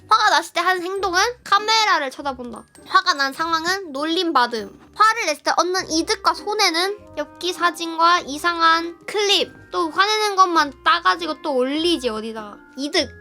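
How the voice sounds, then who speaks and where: Very high-pitched, sharp-voiced grumbling young woman streamer. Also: lively intonation, moderate pace, hardly any pauses, soft background music. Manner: sarcastic, irritable, bursts into loud yelling. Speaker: live streamer. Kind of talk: reading a workbook aloud with grumbling commentary.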